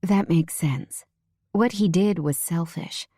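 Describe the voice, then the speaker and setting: A woman reading a first-person romance audiobook in a soft, unhurried way, close to the mic. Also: on the low side, husky, dry recording. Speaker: audiobook narrator.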